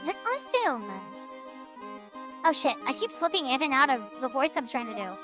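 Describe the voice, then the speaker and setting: A woman's voice: sits high, very animated, moderate pace, music in the background. A woman doing a sugary flirty circus animal tamer. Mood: sweet. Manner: sweet, wheedling.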